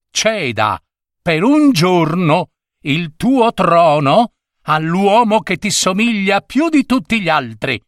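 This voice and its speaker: A man's voice: high voice, fairly bright tone, no room sound, clean studio sound, pitched above the performer's own voice, full character voice. A man voicing an old, eccentric male royal wizard who makes insistent, solemn pronouncements in a storybook tale.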